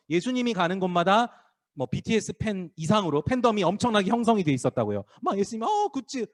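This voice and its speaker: A man preaching a casual, playful sermon to middle schoolers as youth pastor, acting out voices as he goes. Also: high-pitched. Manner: lively, acts out crowd voices, teasing students by name. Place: small church worship room.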